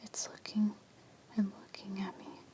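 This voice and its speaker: A woman voicing a frightened, pleading young girl in hushed, urgent whispered role-play for a ghost story. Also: mid-range voice, completely flat delivery, a little slow, natural voice.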